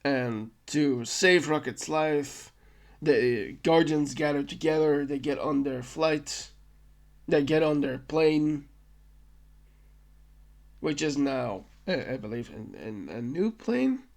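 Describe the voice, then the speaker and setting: This podcast host talks slowly in a fairly high, gravelly voice with lively intonation. Recapping a film, he drifts along casually, stopping to fix what he said and stumbling over his restarts.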